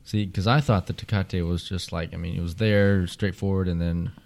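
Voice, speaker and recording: Brief: male co-host, deep voice, loose joking banter about beer. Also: fairly even intonation, moderate pace, vocal fry, darkish tone. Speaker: podcast co-host. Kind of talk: casual beer-tasting chat.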